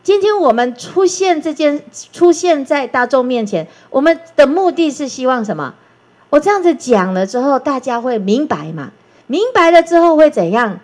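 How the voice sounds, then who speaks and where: A woman teaching Buddhism in a lively lecture, coaxing listeners with rhetorical questions and little acted-out dialogues. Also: high voice, moderate pace. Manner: coaxing, gentle asides. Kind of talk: Dharma lecture.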